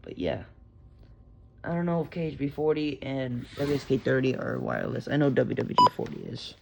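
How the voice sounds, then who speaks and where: This Texan radio enthusiast speaks at a normal pace in a creaky, sing-song mid-range voice, talking profanely and loosely about his radio gear and cutting himself off. The lo-fi recording from his bedroom is noisy.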